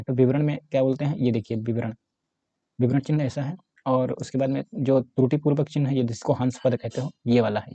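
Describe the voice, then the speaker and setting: Dark-voiced male Hindi teacher. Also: mid-range voice, breathy edge, no room sound. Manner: explains step by step while writing, with frequent "ठीक है?" and "है ना?" check-ins. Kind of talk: exam-prep lesson.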